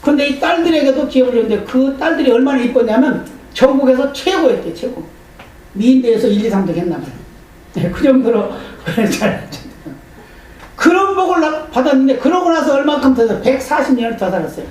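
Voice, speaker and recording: A man's voice: very high-pitched, animated, fairly quick, darkish tone. A male pastor preaches in a church sanctuary, telling the story with animation and voicing the people in it. He is heard from a distance, and his voice rings through a large, very echoey hall. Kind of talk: sermon.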